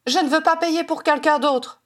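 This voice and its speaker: A woman's voice: high voice, expressive, moderate pace, voice pushed up. A woman reader voicing a strident, resentful young wife who accuses everyone around her. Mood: bitter, shrill. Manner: accusing, bitter, defensive.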